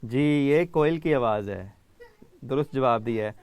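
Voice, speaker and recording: A man's voice: mid-range voice, darkish tone, clear, resonant tone, no echo. A man hosting a children's education program, patiently calling on kids by name to answer quiz questions.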